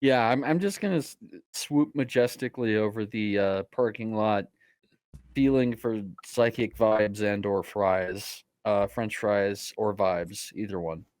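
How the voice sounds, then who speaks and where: Casual low-voiced man joking through a game. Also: a little slow, darkish tone, dry recording. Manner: jokey, profane, playful. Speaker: player in a tabletop role-playing game. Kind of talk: casual improvised tabletop game chat.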